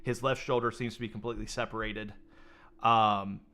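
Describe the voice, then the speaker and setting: A man's voice: lowish voice, flat delivery, moderate pace, pushed and bright. A man narrating a tabletop game as game master, hesitant with many fillers.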